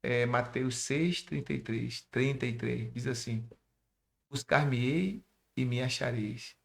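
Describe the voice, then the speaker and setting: Speaking slowly with a Bahian Portuguese accent, a Brazilian pastor and missionary recounts his testimony during a church interview and addresses young people directly in a preachy manner. His medium-pitched voice is creaky and a bit bright.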